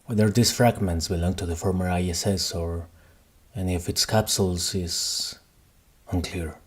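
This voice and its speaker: A man playing a composed radio DJ in an audio drama, announcing songs and scripted news in a measured, solemn way. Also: low-pitched, fairly even intonation, husky. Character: composed post-apocalyptic radio DJ reading news.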